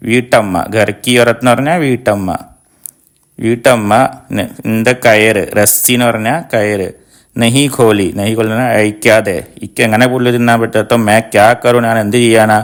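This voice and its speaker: Malayali guy teaching kids online, lowish voice, reads a line then explains each word. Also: steady tone, normal speed. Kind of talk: reading a folk tale in Hindi and explaining it in Malayalam.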